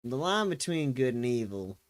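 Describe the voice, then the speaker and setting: A man's voice: medium pitch, big pitch swings, natural voice. Folksy, world-weary frontier man acted by a man. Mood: musing, calm. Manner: folksy, musing, drawn-out pauses. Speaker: tabletop role-play player or game master. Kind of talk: in-character tabletop role-play.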